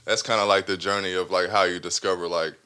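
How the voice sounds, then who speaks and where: A man with a fairly low voice and a bright, forward tone, speaking easily on a podcast. He tells his stories in an easygoing, thoughtful way. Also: little pitch movement, fast talker, clean tone. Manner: easygoing, reflective storyteller. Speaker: podcast co-host. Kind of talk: casual chat.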